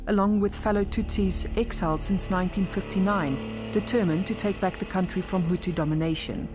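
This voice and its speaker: Female documentary narrator, formal and measured, music bed behind. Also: medium pitch, fairly even intonation. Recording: voice-over with music beneath.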